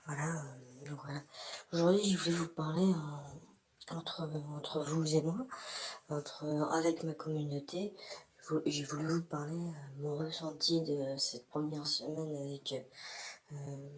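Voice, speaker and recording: A man talking through a voice-disguising filter, rambling frankly to his community with many hesitations, from his bathroom. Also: fairly high pitch. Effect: voice disguised with an altering filter. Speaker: YouTuber addressing his community. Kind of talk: casual rambling vlog.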